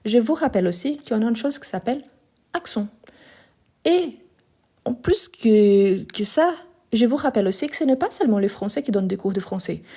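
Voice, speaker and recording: Mellow-voiced woman teaching French live. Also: fairly high pitch, animated, husky. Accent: Lyon French. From France and Brazil. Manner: explanatory, repeats forms slowly, gets indignant answering critics. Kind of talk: live online grammar lesson.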